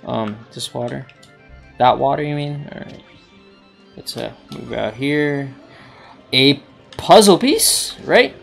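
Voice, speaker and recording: A man's voice: medium pitch, steady tone, slow, gravelly, long pauses, a bit bright, soft background music. A man giving rambling let's play commentary, talking to himself with many hesitations as he plays a game. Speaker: gaming channel host.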